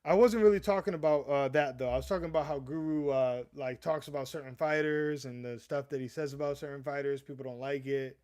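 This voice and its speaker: Calling his audience "bro," this young host from the US East Coast rambles through a casual live chat, stammering and restarting often. His slightly high voice sounds dark and clean, staying steady in tone as he talks a bit fast with barely any pauses.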